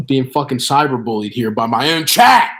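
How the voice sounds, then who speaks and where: A man's voice: mid-range voice, very animated, moderate pace, a bit bright, a little hiss or hum. A man chatting casually on a live stream, joking and swearing. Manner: profane, joking.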